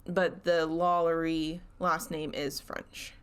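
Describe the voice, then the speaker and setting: A young woman with a slightly low voice tells a story on a podcast. She talks in a chatty, casual way and breaks into small giggles and asides as she goes. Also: little pitch movement, slow pace, clean tone. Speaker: podcast co-host telling the story.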